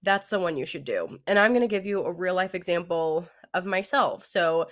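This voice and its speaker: A young woman with a head cold talks in a fairly low, nasal, congested voice at a moderate pace. She's a fitness coach chatting casually on her podcast, giving advice and saying "like" and "you know" a lot.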